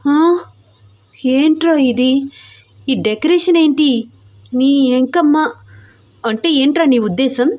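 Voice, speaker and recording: A shy, flustered young bride in a storybook romance who scolds and exclaims in a high, raised voice, as a woman reader puts her on. She sounds caught off guard and defensive throughout. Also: measured pace, pauses often, a little mellow. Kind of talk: storybook character voice.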